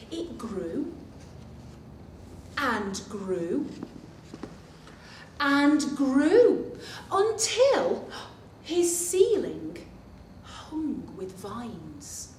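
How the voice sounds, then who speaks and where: At story time, a librarian reads a children's picture book aloud in an animated, expressive, fairly high voice, pausing for asides and questions to her young listeners. The room is echoey, with a distant mic and faint noise.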